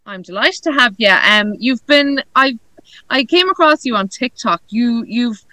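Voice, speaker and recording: A woman's voice: on the high side, animated, a little slow, pushed and bright, no room sound, low-quality recording. A woman with an Irish accent hosting a podcast in a conversational interview style. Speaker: podcast host.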